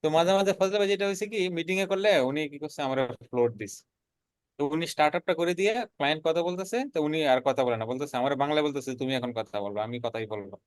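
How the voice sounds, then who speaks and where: Brief: young freelancer, earnest and quick, recorded dry and close. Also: male voice, on the high side, smooth, no echo. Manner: earnest, repeats words while building a point. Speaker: freelancer guest. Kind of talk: casual conversational storytelling.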